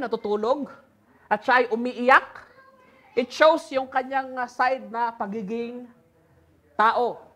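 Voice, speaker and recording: Woman preacher with a Filipino accent, high voice, reads scripture slowly with emphasis. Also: a bit bright. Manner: Taglish, rhetorical "di ba?" questions, slow emphatic reading. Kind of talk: sermon with Bible reading.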